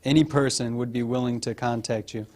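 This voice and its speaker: A man's voice: medium pitch, steady tone, a little mellow. Earnest man with a mid-range voice. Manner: earnest, pausing between phrases. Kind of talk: informal encouraging address to a group.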